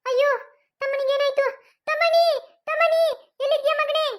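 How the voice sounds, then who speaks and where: Lady playing a worried mom with a mangalore accent, high voice, talks fast, fussing and scolding. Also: fairly bright tone. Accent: Mangalore Kannada. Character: worried protective mother of a young boy.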